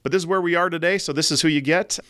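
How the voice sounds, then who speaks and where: A hoarse man with a cold, hosting a podcast in a rambling, self-joking monologue. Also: racing, fairly bright tone. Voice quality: low husky baritone. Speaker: podcast host.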